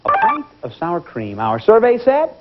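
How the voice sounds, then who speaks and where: A man hosting a TV game show, lively and joking with the contestants, heard on an old VHS tape recording. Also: high voice, normal speed, muffled recording, a little hiss or hum. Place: TV studio with audience.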